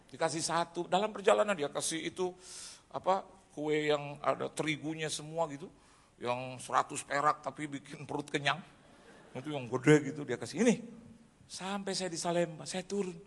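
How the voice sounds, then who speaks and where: Dramatic preacher in a ringing hall. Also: male voice, on the high side, normal speed. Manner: dramatic storytelling, shifts from quiet to shouting. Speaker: pastor. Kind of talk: sermon. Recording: long reverb of a church hall.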